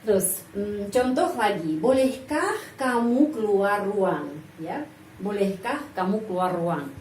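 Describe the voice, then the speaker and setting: A woman's voice: mid-range voice, expressive, slow pace, a little mellow, a little hiss or hum. A woman giving a language lesson, explaining patiently and repeating example phrases. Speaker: language teacher. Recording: echoey room, voice from off-mic.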